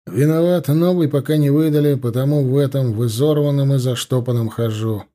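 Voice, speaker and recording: A man's voice: medium pitch, fairly quick, warm tone, close to an everyday voice. A man voicing a proud, stubborn young dragoon who answers curtly and defiantly. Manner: curt, defiant.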